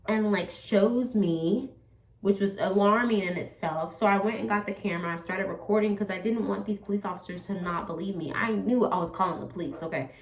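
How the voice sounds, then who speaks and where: In an echoey room, with her voice picked up off-mic and some slight background noise, a vlogger with a mid-range voice does her makeup. She chats directly to viewers as "you guys," rambling and leaning on "like" and "you know."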